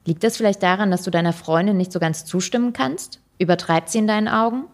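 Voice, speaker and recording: A woman's voice: medium pitch, quick pace, natural voice. Woman doing a talk-show hostess, probing, coaxing, storybook reading. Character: smooth probing female talk-show host.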